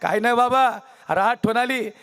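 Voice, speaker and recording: A man's voice: very high voice, normal speed, a bit bright, clear, resonant tone. A man voicing a newly married young village daughter who is tearful and missing her father, told in a tender, pleading storyteller's voice.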